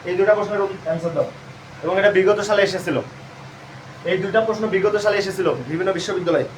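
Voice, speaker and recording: High-voiced Bangladeshi Bengali teacher, echoey room. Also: male voice, fairly even intonation, fast, far from the mic. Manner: repetitive quizzing, asks and answers own questions. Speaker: admission coaching teacher. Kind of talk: live online lesson. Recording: roomy echo, voice off-mic, faint hum.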